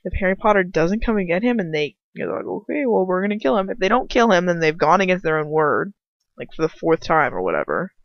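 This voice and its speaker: An amateur fan fiction reader with a lowish, animated voice talks fast as she reads a story aloud and comments on it in a rambling, opinionated, slangy way, swearing now and then. The home recording sounds roomy and slightly dull.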